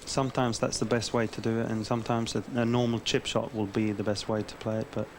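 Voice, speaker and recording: A man offering unscripted golf commentary, explaining play in a halting way. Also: fairly low pitch, little pitch movement, a little hiss or hum.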